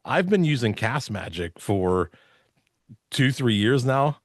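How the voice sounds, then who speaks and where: A man's voice: medium pitch, big pitch swings, takes it slowly, no room sound, studio quality. A man speaking as a podcast guest, explaining things casually and enthusiastically with punchy emphasis. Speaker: podcast guest, podcast theater owner. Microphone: video call, close dry mic.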